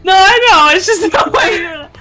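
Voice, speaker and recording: Very high-voiced playful woman. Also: moderate pace. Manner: playful, giggly. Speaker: player. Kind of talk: casual game chat.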